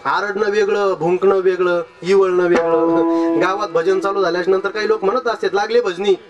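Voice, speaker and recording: A man's voice: sits high, steady tone, normal speed, lo-fi sound, over loud music. A male kirtan preacher telling a folk parable with humor, speaking directly to his audience. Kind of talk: devotional kirtan sermon with folk storytelling.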